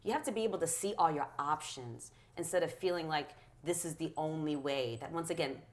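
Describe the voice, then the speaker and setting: A middle-aged woman with a low-sitting voice speaks briskly as a guest in a conversational interview. Her delivery is passionate and affirming, with a preacher-like rhythm.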